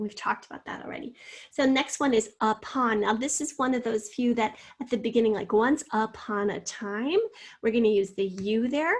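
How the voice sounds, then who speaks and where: Woman teacher slowly sounding out words. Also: on the high side. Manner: slow, drawn-out sounding out of words; encouraging, addresses students directly. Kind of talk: spelling lesson.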